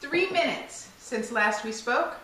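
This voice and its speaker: A woman's voice: fairly high pitch, animated, slow, a crowd in the background. Chatty woman in an echoey room. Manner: joking, chatty, self-mocking. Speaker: craft show co-host. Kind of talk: casual crafting chat. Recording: echoey room, distant mic, faint hiss.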